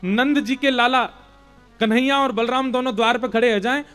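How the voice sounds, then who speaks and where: Man, devotional storytelling sermon, high voice, animated rustic dialect, faint music behind. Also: normal speed, clean tone. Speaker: katha preacher.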